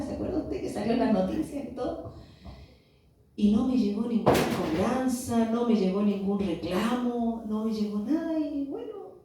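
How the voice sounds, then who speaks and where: A woman's voice: a little high, background noise. A woman giving a church testimony, telling her story and acting out the dialogue with rhetorical questions. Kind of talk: sermon testimony. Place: church hall. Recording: echoey church hall, voice from far off.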